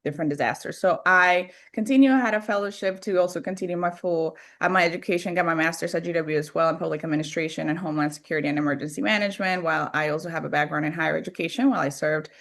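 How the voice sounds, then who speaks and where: Woman from Colombia, panel guest, lowish voice, earnest, lots of ums. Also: racing, few pauses, fairly bright tone. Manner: earnest, many fillers and restarts. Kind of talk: panel discussion.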